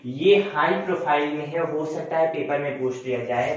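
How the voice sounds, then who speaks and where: A man's voice: on the high side, normal speed. Echoey, distant male teacher. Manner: repetitive, self-correcting, addresses viewers as friends. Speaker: exam coaching teacher. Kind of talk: classroom lecture. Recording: very echoey room, distant mic, dull sound.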